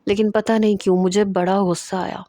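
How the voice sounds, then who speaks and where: A woman reading a first-person romantic story aloud in a steady, expressive way. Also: mid-range voice, dry recording, studio quality.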